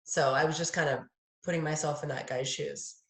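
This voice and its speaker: A woman's voice: deep voice, fairly even intonation, fairly quick, gravelly, reverberant. A woman student in a class asking questions hesitantly, stumbling as she searches for words.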